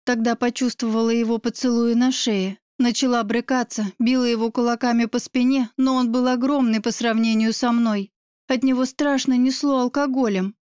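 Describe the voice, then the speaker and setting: A woman's voice: a little high, steady tone, normal speed, a little mellow, clear, resonant tone, no room sound, clean studio sound. A woman narrating a first-person audiobook in an emotive, dramatic reading.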